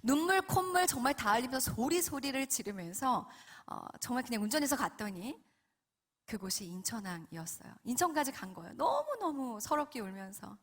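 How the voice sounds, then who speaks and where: Husky-voiced woman giving a lively testimony. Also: fairly high pitch, brisk. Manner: storytelling, acts out her own past cries and the voice of God. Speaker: guest speaker at a prayer meeting. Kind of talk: testimony sermon.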